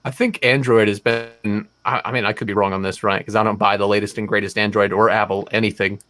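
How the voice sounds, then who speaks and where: A man's voice: on the low side, level tone, fast, fairly bright tone. A man hosting a live stream, talking in a wry, profane, think-aloud way. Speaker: stream host. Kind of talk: casual chat.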